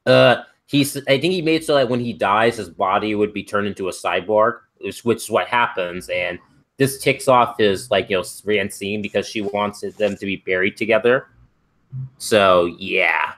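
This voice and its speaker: Young male stream host, low-pitched, rambling and filler-heavy. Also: moderate pace, a bit bright. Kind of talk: casual chat on a live stream.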